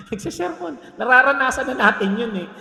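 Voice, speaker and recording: A man preaching a lively, joking sermon as a pastor, often laughing and asking "Amen?". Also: very high voice, moderate pace, vocal fry. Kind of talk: Taglish sermon. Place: church hall. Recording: echoey hall with long reverb.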